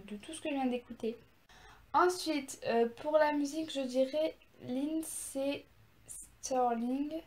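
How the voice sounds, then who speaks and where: A young woman chatting casually as she reacts to music in her vlog, rambling and poking fun at herself. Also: high-pitched. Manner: chatty, rambling, self-mocking. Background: music playing.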